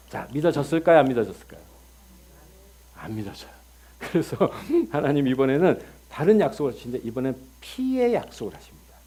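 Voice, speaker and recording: A middle-aged male pastor preaching a sermon, telling the story in an animated way and acting out dialogue with sudden loud outbursts. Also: medium pitch.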